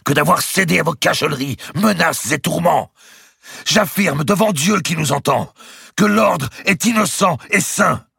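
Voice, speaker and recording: Defiant old grand master, loud and raised high , a man doing the voice, dry close recording, audiobook. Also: a little slow, creaky, breathy edge, no echo, exaggerated voice. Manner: shouting protests.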